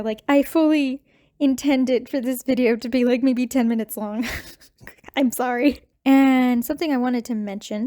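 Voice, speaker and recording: A young adult woman vlogger recording a fast, excited rant on her phone, repeating herself as she goes. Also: a little high. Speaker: anime commentary vlogger. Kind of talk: casual rant.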